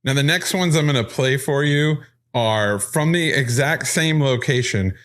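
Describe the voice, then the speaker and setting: A man hosting a paranormal podcast, talking casually in a middle-range voice. He walks through each recorded clip step by step, sounding excited as he explains what can be heard. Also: mid-range voice, unhurried. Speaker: podcast host.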